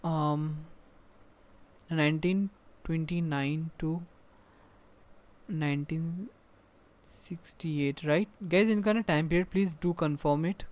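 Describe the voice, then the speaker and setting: Young man, exam tutor, smooth clear voice, slow reading of notes, direct urging. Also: fairly high pitch, fairly even intonation, a little mellow. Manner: reads English notes slowly, explains in Hindi, urges students directly. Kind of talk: exam-prep lecture.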